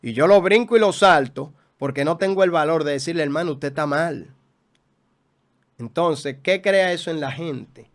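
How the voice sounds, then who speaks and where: A man's voice: on the high side, normal speed. A man, a guest pastor teaching in a preaching style, emphatic, with rhetorical questions and repeated phrases.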